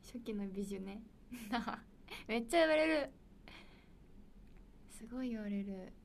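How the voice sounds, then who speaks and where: Young woman, Kansai accent, higher voice, livestream host: bubbly chat with soft murmured asides. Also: lively intonation, takes it slowly, creaky, slight background noise. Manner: bubbly, chatty, drops into soft near-whispered asides. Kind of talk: casual livestream chat reading viewer comments.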